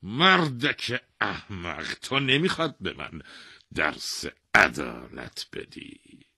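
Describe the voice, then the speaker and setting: A man voicing an angry, foolish king who shouts slow, drawn-out commands in a husky voice. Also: on the low side, big pitch swings, no room sound, clean studio sound, pitched above the performer's own voice, heavily acted. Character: angry foolish male king, loud and bossy.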